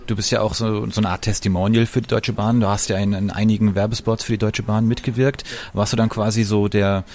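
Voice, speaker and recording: Low-voiced man hosting a podcast. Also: fairly quick. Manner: relaxed questioning with fillers. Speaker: podcast host. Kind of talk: podcast interview. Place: railway station lounge.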